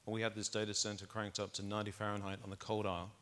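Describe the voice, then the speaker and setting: Guy, middle-aged, lowish voice, keynote on a big stage, lapel mic, explains stuff step by step. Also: completely flat delivery, rapid-fire, fairly bright tone, a little hiss or hum. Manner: explanatory, walks through data step by step. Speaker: keynote speaker. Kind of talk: conference keynote presentation. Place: large conference stage.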